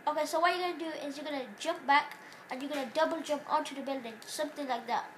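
Nasal from being sick and stopping now and then to cough, a woman hosts a gaming channel with casual, rambling talk about the gameplay. Her voice sits high with a steady tone, and she talks fast. A phone aimed at a TV records her in a dark room, with slight background noise.

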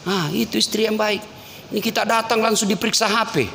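A man's voice: high voice, fairly even intonation, fast talker, vocal fry, bright, forceful tone. Man preaching a humorous sermon in an echoey hall. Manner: storytelling with acted dialogue, teasing asides. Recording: echoey hall, faint ambient noise.

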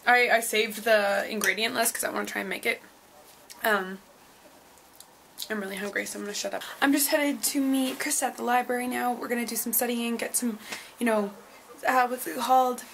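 A woman's voice: a little high, fairly even intonation, brisk, vocal fry, fairly bright tone, slight background noise, low-quality recording. A woman in her twenties chatting casually to her vlog camera, rambling along with frequent ums. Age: 20s. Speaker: vlogger.

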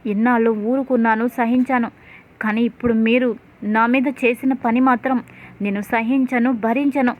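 A woman's voice: fairly high pitch, lightly acted. A woman voicing a young wife who accuses her husband in tearful anger. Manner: crying, accusing. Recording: tinny phone-like sound.

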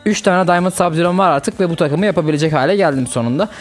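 A young man with a somewhat high voice talks through his mobile gameplay in loose, chatty commentary. He reacts out loud to every move. Faint game music plays underneath. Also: fast. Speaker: gaming channel host.

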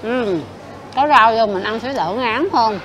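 A woman's voice: on the high side, a little slow, a bit bright, highs cut off, a little hiss or hum. A woman reviewing food in a casual vlog, chewing while she talks as she tastes each bite. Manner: chatty, tasting and describing food. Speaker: mukbang vlogger.

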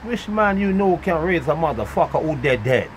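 A man ranting in a profane monologue, rambling and swinging between loud outbursts and muttered asides. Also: a little high, big pitch swings, normal speed, slight background noise, poor audio. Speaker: vlogger.

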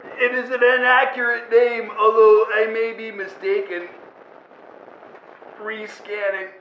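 A man doing a very high stiff robot voice. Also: little pitch movement, takes it slowly. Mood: pedantic. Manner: stiff robot voice with spoken beeps and boops. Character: male radio robot guide, literal-minded and blunt. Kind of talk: live improvised comedy radio play. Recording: roomy, noisy live stage recording.

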